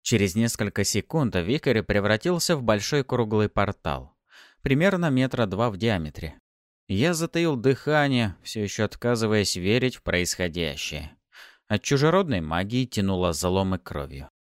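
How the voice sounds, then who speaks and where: A man narrating a first-person audiobook in a lively, expressive way. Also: on the low side, normal speed, no echo, studio quality.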